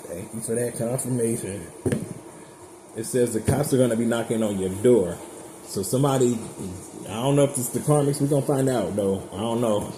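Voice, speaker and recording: Speaking at a moderate pace in a mid-range voice, a male tarot reader talks directly to viewers in a casual, chatty, blunt and profane reading. Background noise and room echo color the recording.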